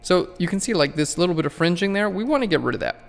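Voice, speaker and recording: A man's voice: high voice, lively intonation, fast, gravelly, long reverb tail. A man walking through a photo-editing tutorial in a casual, rambling way that keeps correcting itself. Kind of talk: screen-recorded software tutorial.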